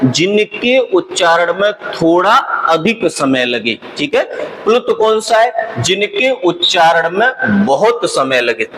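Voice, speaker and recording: Male teacher, raised pitch, quizzes and answers himself, faint hiss under the voice. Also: a bit bright, rough recording. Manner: explains patiently, asks and answers his own questions. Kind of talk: exam-prep grammar lesson.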